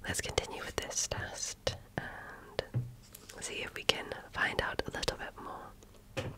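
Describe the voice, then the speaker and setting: In ASMR style, a woman whispers while role-playing a medical examiner. She asks questions gently, in short, measured phrases.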